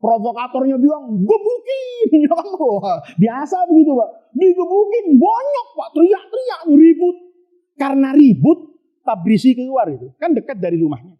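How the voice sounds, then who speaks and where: A man's voice: very high-pitched, very animated, normal speed, lo-fi sound. A male preacher telling a humorous story in a sermon, with jokey, slangy asides and frequent chuckles.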